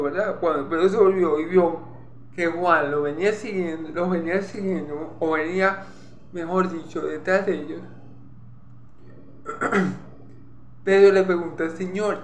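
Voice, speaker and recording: A man's voice: sits high, a little slow, long pauses. A man from Venezuela with a Maracaibo accent, teaching a Bible passage verse by verse, explaining and repeating phrases and checking in with "ok?". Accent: Maracaibo Venezuelan Spanish. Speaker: preacher. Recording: echoey room with faint ambient noise.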